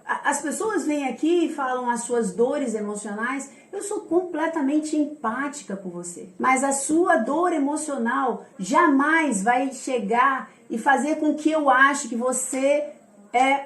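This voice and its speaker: Firm, high-voiced Brazilian woman. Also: measured pace, reverberant. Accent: Brazilian Portuguese. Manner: firm, emphatic, acts out quoted voices. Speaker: mentor and online coach. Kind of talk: motivational talk to camera.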